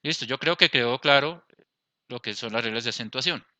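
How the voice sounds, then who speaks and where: A Colombian-accented man gives a Spanish grammar lesson on slides, breaking things down step by step and checking on his class. He speaks briskly at medium pitch, his voice pushed and bright, with no room sound.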